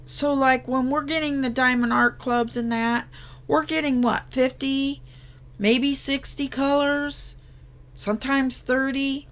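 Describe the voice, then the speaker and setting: A woman's voice: high voice, steady tone, takes it slowly, a bit bright. A tired woman hosting a crafting channel, talking casually to her viewers late at night. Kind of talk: casual tutorial talk to viewers.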